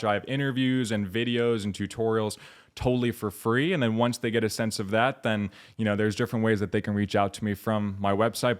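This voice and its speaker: A man's voice: fairly low pitch, clean tone. An American man speaking as a coach and podcast guest, giving earnest, conversational motivational talk and acting out little quotes. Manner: earnest, illustrates points with imagined quotes.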